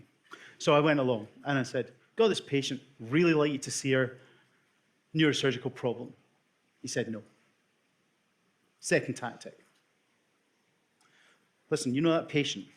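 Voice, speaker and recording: A middle-aged man with a Scottish accent, an emergency consultant giving a talk to an audience and telling stories with humour. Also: medium pitch. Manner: storytelling with humour, lively delivery.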